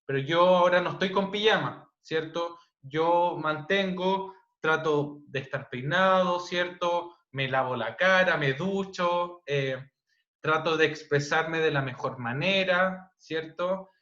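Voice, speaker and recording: A man with a Chilean accent teaching an online class, speaking loudly and checking in with tag questions. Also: a little high, slow pace. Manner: loud, frequent "¿cierto?" tag questions. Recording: dull, roomy online-class audio.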